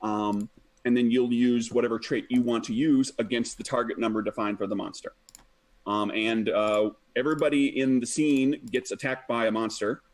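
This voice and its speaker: A man's voice: medium pitch, normal speed. Man explaining game rules. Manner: relaxed, with many fillers. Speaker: game master.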